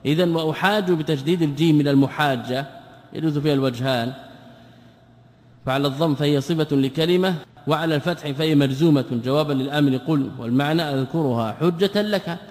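A man's voice: on the high side, quick pace, a little mellow. A man, a sheikh, giving a classroom lesson, explaining points by asking and answering his own questions. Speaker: sheikh teaching a text. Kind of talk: classroom lesson on creed and grammar. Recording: long hall reverb.

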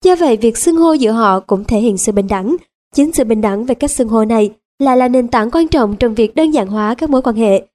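A woman reading a nonfiction audiobook as narrator, in an even, measured way. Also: a little high. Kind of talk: scripted narration.

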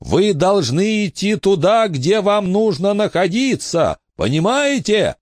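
A man voicing a young boy preacher who gives urgent, shouted commands. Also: high voice, sing-song, takes it slowly, no room sound, clean studio sound, voice pushed up, exaggerated voice. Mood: urgent shouting.

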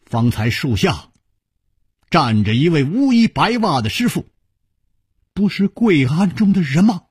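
A man's voice: mid-range voice, very animated, takes it slowly, darkish tone, slightly rough, no room sound, studio quality, heavily acted. A man playing a restless young swordsman hero. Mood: startled. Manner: muttering, then bursting into exclamations. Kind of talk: storytelling performance.

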